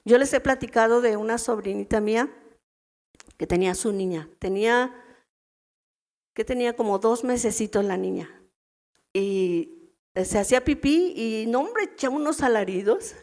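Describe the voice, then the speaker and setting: A middle-aged woman with a Mexican accent teaches at a church women's meeting, her voice sitting somewhat high. She talks in a loose, conversational way, full of family anecdotes. She keeps checking in with her listeners through quick tag questions. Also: darkish tone. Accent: Mexican Spanish. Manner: chatty, anecdotal, constant tag questions to the audience.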